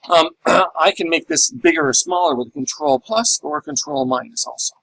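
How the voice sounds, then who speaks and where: A man's voice: sits high, wildly swooping pitch, moderate pace, gravelly, fairly bright tone, husky, rough recording. A middle-aged man teaching a class in a recorded lecture, explaining step by step and asking and answering his own questions. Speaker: instructor.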